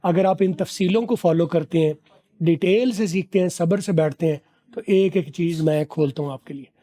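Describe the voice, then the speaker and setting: A man teaching spoken English, slowly drilling each phrase and then explaining it quickly. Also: on the high side, warm tone.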